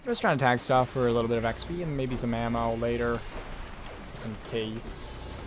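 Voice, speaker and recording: Guy streaming a game, chatty and rambling, jokes around with chat, mid-pitch voice. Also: moderate pace, background noise. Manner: rambling, reacts to chat, loose and joking. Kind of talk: casual live gameplay commentary.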